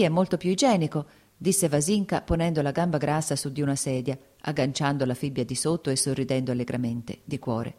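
A woman reading a classic novel aloud with measured, even narration. Her voice is low-pitched and mellow, and her delivery is unhurried and literary. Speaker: audiobook reader.

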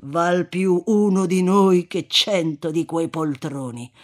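A reader voicing a rough, boastful male plague corpse-carrier who jeers and shouts in triumph. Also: medium pitch, steady tone, slow, natural voice. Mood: gloating. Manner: loud, jeering and triumphant.

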